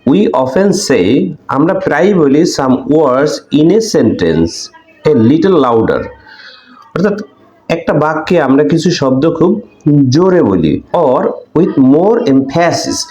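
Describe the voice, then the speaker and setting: Man teaching slowly in an echoey room. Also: a little high, dark tone. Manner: explains in Bengali, reading English sentences slowly with deliberate stress; hesitant fillers between phrases. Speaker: English teacher. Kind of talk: recorded classroom-style lesson explaining a textbook.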